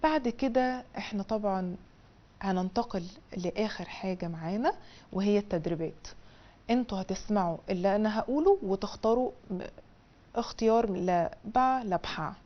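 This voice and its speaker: A woman's voice: brisk, pauses often, highs cut off. A woman with an Egyptian Arabic accent teaching a language lesson on television, explaining step by step in a colloquial way. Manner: drills syllables in a high sing-song, then explains in colloquial Egyptian Arabic. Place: television studio.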